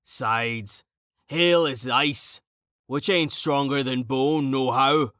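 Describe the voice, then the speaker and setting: Guy doing a loud crude warrior dude, rough slang, slow and boomy. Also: dry recording, clean studio sound. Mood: boisterous. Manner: boisterous, swears, rough slang. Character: brash burly male warrior, crude joker.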